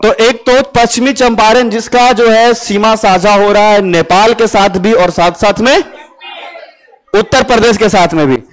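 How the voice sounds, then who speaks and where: A man's voice: sits high, fairly even intonation, unhurried, rough recording. A man teaching a classroom lesson with memory tricks, asking his students questions and answering them himself.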